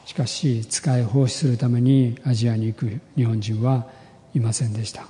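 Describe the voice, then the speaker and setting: A man, a pastor, giving an earnest sermon testimony, telling his story in a measured way with rising emphasis. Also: medium pitch, flat delivery, mellow, in a large hall, a little hiss or hum.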